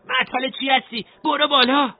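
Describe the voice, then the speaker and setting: A man's voice: very high-pitched, voice pushed up. A man voicing a bold, cheeky teenage boy who urges his friend on in a brash way, on a dull, dry recording. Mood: urging. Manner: brash, urging.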